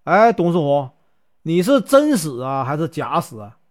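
A man's voice: a little high, sing-song, a little slow, darkish tone, voice pushed down. A man with a Northeastern Mandarin accent voicing a scruffy, playful old monk who teases and jokes in a storytelling recording. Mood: teasing. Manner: joking, cheeky, mocking.

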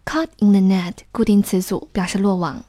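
Young woman tutor, mellow and dry-sounding, steady explanatory delivery with careful read-alouds. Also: medium pitch, no echo. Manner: careful, reads English passages aloud slowly. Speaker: English reading tutor. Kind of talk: explanatory close-reading lesson.

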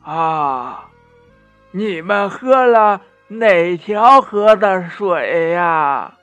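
A man putting on a kindly old village woman from a children's storybook who drags out every phrase in a slow, patient drawl. Her voice sits high in the register, with a changed, unfamiliar tone. It is dry and close, with nothing around it. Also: expressive, fairly bright tone, dry recording, muffled recording, faint music behind, heavily acted. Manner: slow, drawn-out speech.

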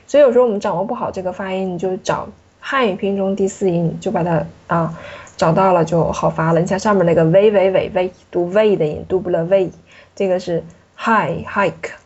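A woman teaching a French alphabet lesson, patiently repeating each sound slowly for the learner. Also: fairly low pitch, fairly even intonation, a little mellow, breathy edge, muffled recording.

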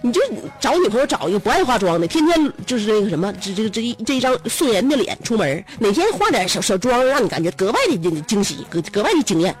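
A woman voicing her overconfident young woman friend, boastful and breezy in a higher voice. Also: very animated, faint music behind. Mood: lecturing. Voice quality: boastful, breezy, quick talker.

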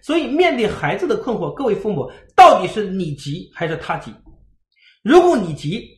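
A man giving a livestream parenting lecture, telling stories in a lively way and acting out the dialogue. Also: high voice, normal speed, reverberant. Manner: lively storytelling, acts out dialogue.

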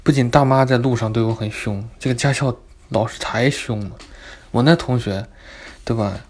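A young man telling a story in an animated, comic, chatty way. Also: mid-range voice, normal speed. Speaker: vlogger. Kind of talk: casual storytelling.

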